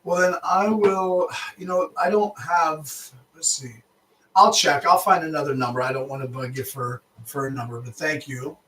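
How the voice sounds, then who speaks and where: A man's voice: fairly high pitch, fairly even intonation, normal speed, pushed and bright, far from the mic. A man, a real estate agent chatting casually and making live calls, restarting his phrases and laughing easily. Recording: echoey room, voice off-mic.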